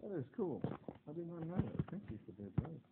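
A man playing a video game with his child in casual chat, self-deprecating and quick to cry out at his wins and misses. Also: on the high side, sing-song. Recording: phone-like lo-fi audio with clear background noise.

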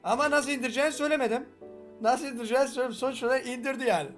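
Young male gaming host, regional Turkish dialect, rapid joking delivery, higher voice over light background music. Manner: fast-talking, joking, swears often. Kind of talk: casual reaction commentary.

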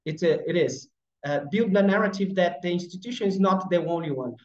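A man from Brazil with as his gives an online presentation over a webcam, speaking haltingly with many fillers and restarts. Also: high-pitched, a little mellow. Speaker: conference speaker. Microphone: video call webcam. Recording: roomy, slightly dull video call audio.

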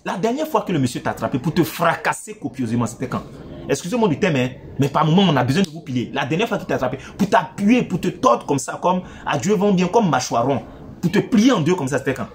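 A man delivers relationship advice as a teasing, playful monologue aimed straight at his listeners. His voice sits a little high and leaps around with very lively intonation. He moves from loud outbursts to low, quiet asides. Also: fast talker, slight background noise.

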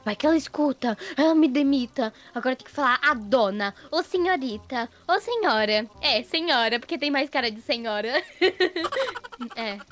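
A woman's voice: sits high, expressive, moderate pace, fairly bright tone. A woman voicing an anxious, lazy young housemaid who pleads not to be fired. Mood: panicky. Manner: frantic pleading, fretful self-talk. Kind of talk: Roblox role-play voicing.

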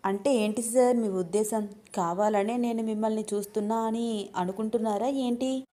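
A woman reading a story, voicing a lively, quick-tongued young woman who protests and insists. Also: on the high side, lightly acted. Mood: protesting.

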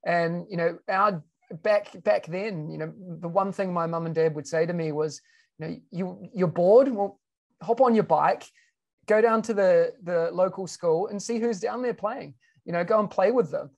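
A man in his thirties with a New Zealand accent speaks from a home room on a video-call panel as an education consultant. He's conversational, peppering his talk with "you know" and restarts. His high-pitched voice has vocal fry at a normal speed, and the webcam audio sounds lo-fi.

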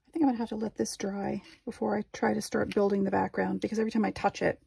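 Talking fast in a level, mid-range voice that's creaky and mellow, a woman works through her glass craft at a home workbench, unsure of every step as she thinks aloud for her vlog. The recording is slightly rough.

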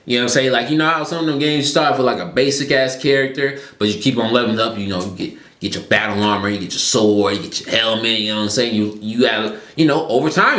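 A man's voice: mid-range voice, a bit bright, echoey room. A young man in his early twenties talking casually in a laid-back, slangy way with lots of fillers, sitting at a desk in a small neon-lit room, recorded by a fixed camera. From Georgia, US. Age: young adult. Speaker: vlogger. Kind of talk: casual mukbang Q&A chat.

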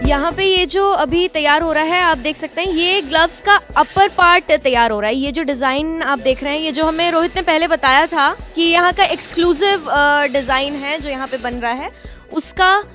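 A young woman co-host asks short, direct questions in a high, bright voice. She holds a handheld mic in a workshop courtyard. Faint music runs underneath. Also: normal speed. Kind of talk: interview questions.

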